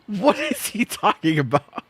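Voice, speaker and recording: A young male streamer in casual chat, bright and sharp-toned, with a bone-dry close sound. He reacts with disbelief, swears freely, repeats himself and keeps cracking up. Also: high-pitched, huge pitch swings, measured pace, husky, no room sound. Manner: incredulous, laughs often, swears, repeats himself.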